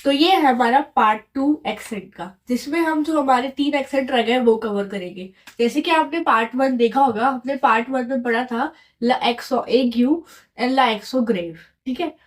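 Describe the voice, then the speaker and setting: A woman's voice: high voice, measured pace. A young woman explaining a language lesson in a casual way, patiently repeating each answer and quizzing her viewers. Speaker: French teacher.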